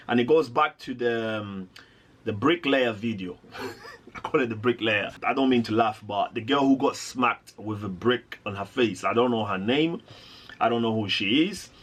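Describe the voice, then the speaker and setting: A man's voice: medium pitch, moderate pace, husky. A man hosting a reaction video, giving indignant, rambling commentary with lots of restarts.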